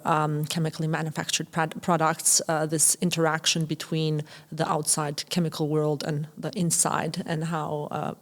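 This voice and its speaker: A woman in her thirties from Kosovo with an Albanian accent, a podcast guest who speaks thoughtfully and hesitantly, with many fillers. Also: deep voice. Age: 30s. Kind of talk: reflective interview talk.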